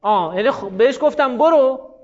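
A man's voice: very high-pitched, lively intonation, muffled recording. A man giving a classroom grammar lecture, explaining step by step and putting questions to his students. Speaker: teacher of Arabic grammar.

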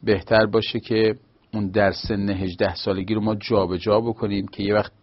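A man's voice: fairly low pitch, level tone. A man teaching a grammar lesson, explaining patiently with small hesitations. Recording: slightly dull lo-fi recording.

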